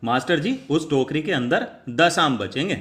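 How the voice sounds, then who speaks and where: A man's voice: fairly high pitch, expressive, a bit bright. A man voicing cheeky cartoon pupil Chintu. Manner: slow, cheeky, mocking. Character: cheeky male cartoon pupil talking back.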